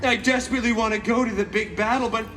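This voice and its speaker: High-pitched, sassy Deadpool storyteller. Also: male voice, fairly even intonation, fast, pushed and bright. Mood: cheeky. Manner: theatrical, sassy, mock-sweet asides. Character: chaotic, cheeky, vain male masked antihero storyteller. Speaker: theme park stage show performer. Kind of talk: live comedic storytelling to an audience. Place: theme park stage, recorded from the audience. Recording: amplified live show, distant, crowd noise.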